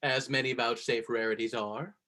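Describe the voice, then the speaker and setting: A man's voice: mid-range voice, steady tone, moderate pace, sharp tone, lightly acted. A man playing a blunt, mocking nobleman in a Shakespearean drama, with a dry, cutting delivery. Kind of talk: Shakespearean stage drama performance.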